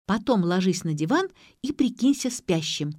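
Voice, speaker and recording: A woman voicing a bossy, quick-tempered young woman who gives emphatic orders, in an audiobook. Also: medium pitch, very animated, a little mellow, no echo, clean studio sound. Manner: emphatic, commanding.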